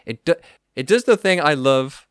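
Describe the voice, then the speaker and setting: A man's voice: fairly high pitch, lively intonation, normal speed, clean tone, no echo, clean studio sound. A male podcast host chatting casually in an enthusiastic, rambling way, with lots of fillers. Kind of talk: casual chat.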